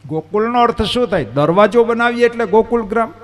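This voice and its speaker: A man's voice: sits high, fairly quick. A man giving a devotional discourse as a katha preacher. He asks the crowd questions and answers them himself, and he uses folksy, earthy examples.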